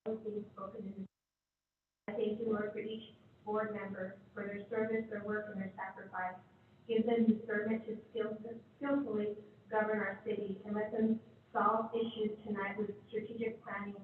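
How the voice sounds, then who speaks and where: A woman's voice: mid-range voice, flat delivery, moderate pace. A woman delivering a formal public prayer as an invocation before a meeting. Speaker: invocation giver. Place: city council chambers. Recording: very echoey, distant, tinny hall audio, faint noise.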